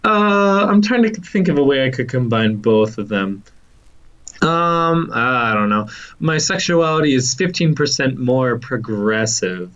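A podcast co-host chats casually, excitable and laughing a lot, with the odd swear word. His mid-range voice is a little slow, and the recording sounds muffled.

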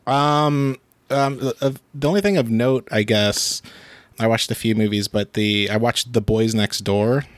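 A man's voice: mid-range voice, unhurried, no echo. A man on a casual film podcast, speaking hesitantly with many ums and uhs. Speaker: podcast co-host. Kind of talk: casual chat.

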